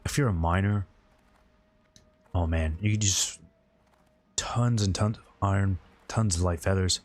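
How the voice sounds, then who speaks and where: His voice sits low and unhurried as he hosts a game livestream. He rambles informally and works through his viewers' chat messages.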